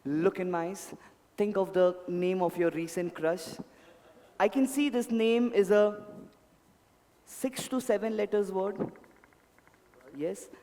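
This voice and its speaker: High-voiced showman in echoey hall. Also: steady tone, slow pace, pauses often, dark tone. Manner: showman, polite, addresses volunteers with repeated pleas. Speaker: stage mentalist and magician. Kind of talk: live stage performance patter with audience. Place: indoor event hall, on stage. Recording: echoey hall PA, music behind.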